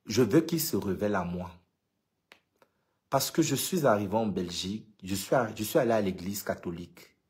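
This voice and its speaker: Cameroonian French accent, lowish voice, casual vlog monologue, emphatic, repetitive. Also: normal speed, darkish tone. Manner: emphatic, repeats points for stress. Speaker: LGBT activist.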